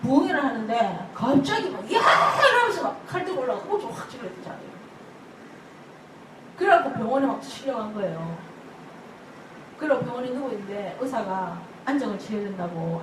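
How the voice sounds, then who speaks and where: An older woman pastor, preaching an animated sermon full of stories, acting out church members' voices and laughing often. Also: mid-range voice. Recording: echoey hall from far off, noisy ambience.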